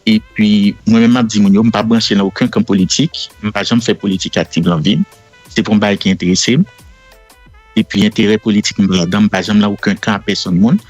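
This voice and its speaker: A middle-aged Haitian man speaking French with a Haitian accent, explaining himself as a radio guest in a measured way full of fillers. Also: on the low side, steady tone, darkish tone, lo-fi sound. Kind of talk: casual radio interview. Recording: faint music in the background.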